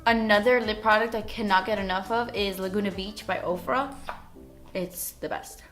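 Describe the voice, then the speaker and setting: A woman's voice: medium pitch, fairly even intonation, moderate pace, a bit bright, soft background music. Chatty young woman doing a makeup tutorial. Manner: chatty, frequent "like" fillers. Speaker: beauty vlogger.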